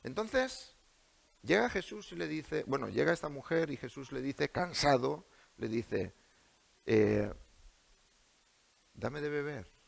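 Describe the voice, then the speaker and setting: A man's voice: mid-range voice, expressive, unhurried, vocal fry, breathy edge. A male preacher with a Spanish accent delivering a sermon in a church, asking the congregation many rhetorical questions. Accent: Spain.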